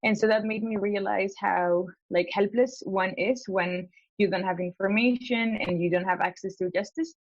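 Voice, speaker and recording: A woman's voice: medium pitch, fairly even intonation, normal speed, few pauses, dry recording, highs cut off. A young woman from Spain, a law school applicant, talking hesitantly with many fillers in a casual coaching call. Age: young adult.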